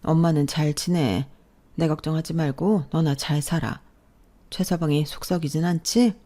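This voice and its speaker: A woman voicing a gentle, self-effacing elderly mother in a radio drama, speaking softly and reassuringly. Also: low-pitched, moderate pace. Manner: soft, reassuring, apologetic.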